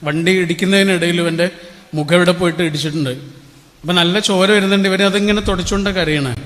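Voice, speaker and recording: Middle-aged Malayali man, high pitch, storytelling speaker with rhetorical questions. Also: steady tone, fast, a bit bright, long reverb tail. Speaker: public speaker. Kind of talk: motivational speech.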